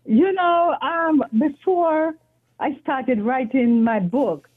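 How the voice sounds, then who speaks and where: A woman, a guest author answering interview questions in an earnest, measured, devout way. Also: high-pitched. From Jamaica. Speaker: author and retired teacher, guest. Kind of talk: interview answers over a call. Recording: tinny phone-line audio.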